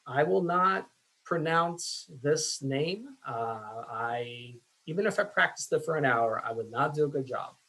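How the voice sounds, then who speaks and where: A man teaching statistics in a casual, self-deprecating way, with many fillers, his voice going hoarse. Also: fairly high pitch, low-quality recording. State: losing his voice. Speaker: statistics instructor. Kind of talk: screen-share lecture.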